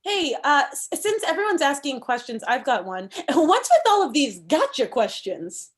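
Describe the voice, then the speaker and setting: In a comedy table read, a woman plays a pushy, combative campaign manager of thirty, arguing emphatically. Her voice sits high with big pitch swings, at a normal speed.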